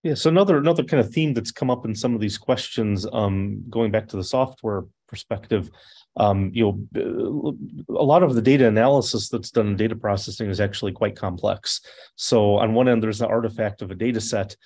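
A man's voice: on the low side, brisk, a little mellow. A man in his thirties moderating a panel discussion over a video call, thoughtful with searching phrasing. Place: office with large windows.

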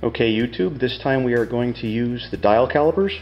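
A man's voice: mid-range voice, lively intonation, fairly quick, lo-fi sound, faint music behind. A middle-aged man explaining step by step like a plain-spoken machinist, in a casual hands-on tutorial. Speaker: tutorial host demonstrating measuring tools.

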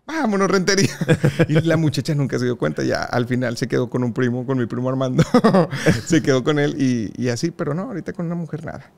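A young man with a Mexican accent talks casually on a podcast. He tells his stories in a lively, animated way and laughs often. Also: mid-range voice, brisk, creaky. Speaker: podcast guest. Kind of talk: casual interview storytelling.

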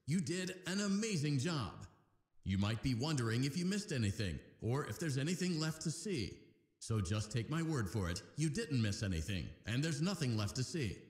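A man's voice: medium pitch, sing-song, normal speed, darkish tone, lightly acted. A man voicing a polite, showy corporate announcer in a video game, reading a scripted announcement. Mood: falsely cheerful. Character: smooth-talking male showman announcer for an entertainment company. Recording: echoing game audio with faint music.

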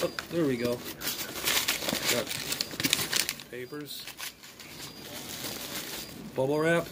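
This mid-range voice belongs to a middle-aged man, a ham radio hobbyist and vlogger, thinking aloud during a casual unboxing vlog as he rambles and mutters while handling items. He's in a small indoor bedroom with a phone propped at arm's length, so the noisy casual recording has clear background noise and room ambience.

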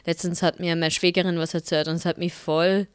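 A young woman, co-hosting a casual faith podcast and telling stories in a lively way. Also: on the low side, brisk, smooth, dry recording, clean studio sound. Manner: lively storytelling, animated quoting. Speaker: podcast co-host, mother.

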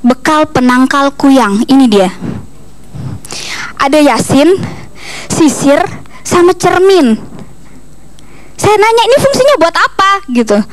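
On stage at a TV comedy studio, a young Indonesian woman from East Kalimantan works through her routine slowly, her high voice sing-song and broken by long pauses. The audio is poor, with audience ambience behind the handheld stage mic.

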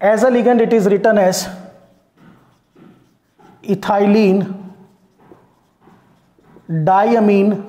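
Indian man teaching chemistry, slow and roomy. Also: high-pitched, a little mellow. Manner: mixes Hindi and English, addresses students as "beta", checks understanding with "clear?". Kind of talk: classroom lecture.

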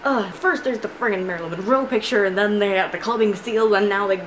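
A young woman, a student, telling a casual storytime vlog in a chatty, animated way with frequent laughs, filmed at home on a camera in her room. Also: medium pitch, a little fast. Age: young adult. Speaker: vlogger. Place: bedroom with shelves of figurines, indoors. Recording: noisy home recording.

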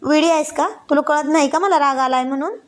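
A woman's voice: sits high, brisk, pitched above the performer's own voice, close to an everyday voice. A woman voicing a young husband who scolds his wife but stays fond of her, in a read-aloud story. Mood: irritated.

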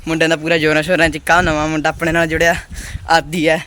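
Punjabi male vlogger, higher-pitched voice, colloquial chat with friends and viewers, slightly noisy handheld sound with clicks. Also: completely flat delivery, racing, pushed and bright. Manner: colloquial, calls out to companions and addresses viewers as friends. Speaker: pigeon-keeping vlogger.

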